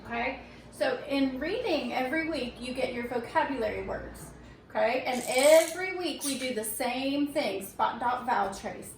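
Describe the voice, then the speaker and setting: A woman teaching a reading lesson to young students, speaking slowly and patiently and checking in often with "okay?". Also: sits high. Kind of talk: recorded tutorial for young students. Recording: echoey room, distant from the mic, faint hiss.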